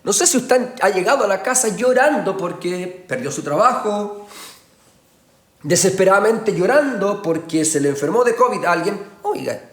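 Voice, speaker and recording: Guy preaching a sermon, goes soft then loud, kinda high voice, church echo all around. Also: animated, normal speed. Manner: emphatic, swings between soft hushed passages and loud raised ones. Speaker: pastor. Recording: roomy echoey church sound.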